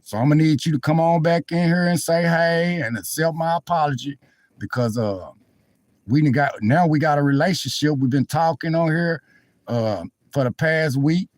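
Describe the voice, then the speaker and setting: Speaking directly to his viewers from a car on a cold day, this vlogger rambles in a heartfelt, sorry tone. His slightly high voice keeps a moderate pace, and the dry phone mic adds no echo.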